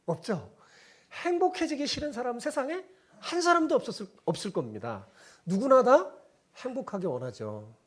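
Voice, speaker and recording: A man preaching a sermon as pastor, telling folksy stories and drawing the congregation into call-and-response. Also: extremely high pitch. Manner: folksy storytelling.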